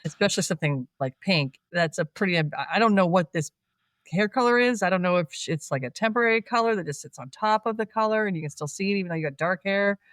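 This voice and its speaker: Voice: medium pitch, quick pace, no echo, studio quality. Chatty podcast host recapping a film. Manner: chatty, laughs often, animated asides. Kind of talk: casual film recap chat.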